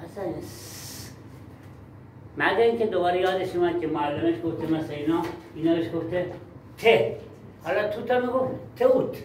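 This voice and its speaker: A man's voice: high voice, few pauses, a little mellow, a little hiss or hum. A man giving a workshop lecture to teachers, talking emphatically and repeating key words. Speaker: teacher trainer. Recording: echoey room, far from mic.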